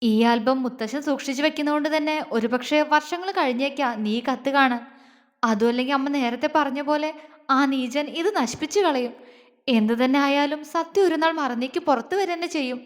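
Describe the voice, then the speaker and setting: A woman's voice: high-pitched, normal speed, natural voice. A woman voicing a loving mother's letter to her daughter, earnest and pleading, in a reverberant recording. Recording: long reverb.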